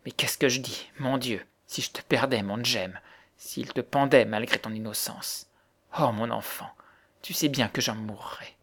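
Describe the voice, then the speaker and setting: A man's voice: mid-range voice, moderate pace, close to an everyday voice. A man voicing a bitter, grieving widowed mother who speaks harshly and accusingly. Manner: harsh, accusing, later softening into sobs.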